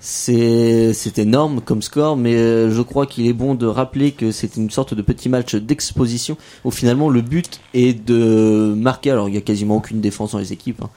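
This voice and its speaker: A man hosting a casual local radio show, playful and self-mocking, gently drawing out the young guests. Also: medium pitch, fairly even intonation, normal speed, few pauses. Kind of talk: casual radio chat with children.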